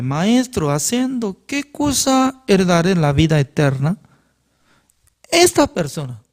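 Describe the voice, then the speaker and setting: A man's voice: high voice, gravelly. A man teaching a Bible class who reads scripture aloud, explains it phrase by phrase, and asks his listeners questions that he answers himself.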